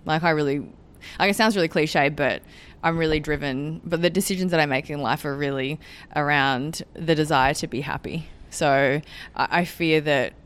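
A woman's voice: low-pitched, moderate pace, smooth. A woman co-hosting a podcast in casual chat, talking freely and laughing often. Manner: chatty, laughs often, animated. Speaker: podcast co-host.

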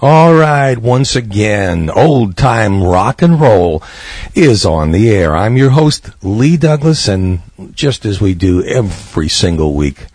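Man, radio oldies host, deep pitch, hoarse and husky, conversational, halting delivery. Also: big pitch swings, a little mellow, dry recording. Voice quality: husky, raspy. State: hoarse from being a little under the weather. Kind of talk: oldies music radio show hosting, ad-libbed.

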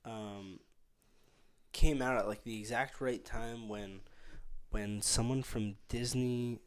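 A man's voice: mid-range voice, steady tone, takes it slowly, clean tone. Young man, podcast co-host, rambling casual talk, hesitant with ums.

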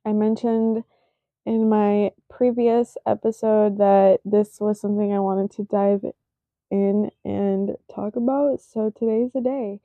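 A woman's voice: mid-range voice, little pitch movement, no room sound. A woman in her twenties hosting her own podcast in a casual, rambling, self-conscious way, sleepy and yawning as she talks. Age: 20s. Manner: slow, rambling and self-conscious, with frequent fillers. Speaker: podcast host. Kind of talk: casual solo podcast chat. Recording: dry, tinny phone-like sound.

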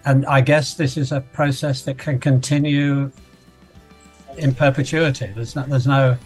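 A man's voice: medium pitch, little pitch movement, a little slow, husky, faint music behind. An Australian man hosting a community radio programme in a chatty way, addressing listeners directly and interviewing guests.

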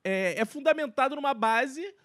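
A man's voice: very high voice, expressive, normal speed, fairly bright tone. A man co-hosting a casual chat, thoughtful and opinionated, often saying "cara". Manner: reflective, uses filler "cara", opinionated. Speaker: podcast co-host.

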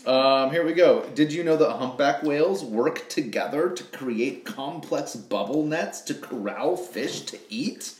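A man casually reading aloud and sharing fun facts, explaining things and gently prompting with questions. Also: mid-range voice, lively intonation, unhurried, few pauses. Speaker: host reading aloud with a child. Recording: echoey room with faint noise.

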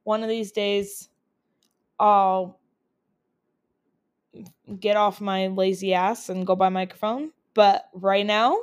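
Her voice mid-range and still recovering from colds, a young podcast host from Utah talks solo into a laptop's built-in mic. She's casual, chatty and upbeat, with many fillers.

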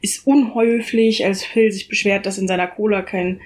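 A woman co-hosting a casual podcast, lively as she retells a TV episode and drops dry quips. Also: medium pitch, normal speed. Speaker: podcast co-host.

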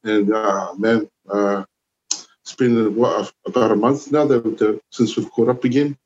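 A man in his forties from New Zealand, a youth worker chatting as a podcast guest, relaxed and rambling with lots of "you know" and "man". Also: lowish voice, a little slow, lo-fi sound, slight background noise. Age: 40s. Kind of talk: casual conversation.

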